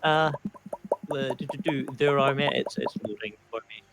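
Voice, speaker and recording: A man's voice: mid-range voice, moderate pace, fairly bright tone. A man joking and teasing as a player in a tabletop game session. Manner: playful, teasing.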